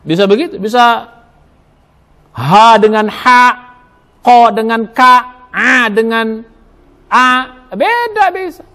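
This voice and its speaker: A male preacher gives a Ramadan sermon in a mosque, his voice pitched high and leaping up and down as he stresses each point. He spells out Arabic letters one by one and asks his listeners questions that he then answers himself. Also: animated, slow, pauses often, a bit bright. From Indonesia.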